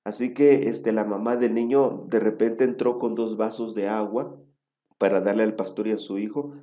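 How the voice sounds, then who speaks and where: A man preaching a sermon, telling a story and often checking with his listeners with a quick "right?". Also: lowish voice, steady tone, dark tone.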